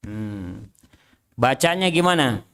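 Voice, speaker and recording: Male ustadz, mid pitch, slow and methodical, reads and translates Arabic texts and quizzes the class. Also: animated, fairly bright tone, smooth. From Indonesia. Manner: reads Arabic text then translates and explains; drills students with short questions. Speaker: religious teacher. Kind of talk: Islamic study lesson, quizzing students.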